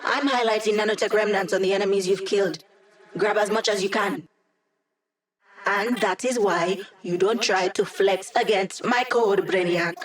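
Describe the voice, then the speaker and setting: Actress as young-spirited female hacker, playful, teasing, wry, casual quips, mid-pitched, video game mission guide. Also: normal speed, close to an everyday voice. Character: upbeat, wry female hacker guiding a squad, digital ghost.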